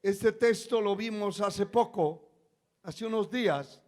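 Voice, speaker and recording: A male pastor delivers a sermon in a high voice. He takes his time, drops to hushed, low lines and then climbs into loud, shouted calls to the congregation. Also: takes it slowly. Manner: moves from quiet, low talk to shouted exhortation.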